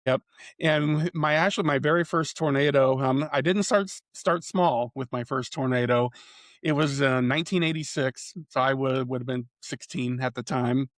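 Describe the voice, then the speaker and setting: A storm chaser and photographer from central Iowa, a man in his fifties, talks casually as an interview guest, rambling with restarts and lots of "you know." His mid-range voice moves at normal speed, with no room sound.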